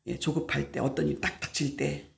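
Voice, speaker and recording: A woman's voice: low-pitched, steady tone, fairly quick, creaky. A middle-aged woman pastor preaching at a prayer meeting, stressing her points by repeating words and acting out everyday exchanges. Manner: emphatic, repeats key words, acts out everyday dialogue.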